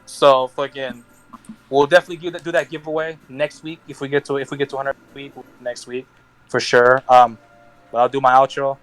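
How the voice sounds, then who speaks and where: A young man hosting a casual group podcast, rambling through heartfelt shout-outs with restarts and laughs. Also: mid-range voice, little pitch movement, brisk, faint music behind. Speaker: podcast host.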